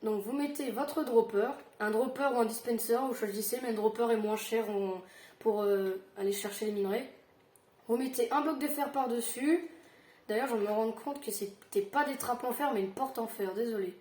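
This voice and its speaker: A tired woman giving a casual Minecraft building tutorial, halting with fillers and self-corrections. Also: a little high, warm tone, echoey room.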